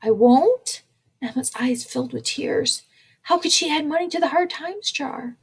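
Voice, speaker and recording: A woman librarian reading a children's picture book aloud in a slow, expressive way. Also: high voice, creaky.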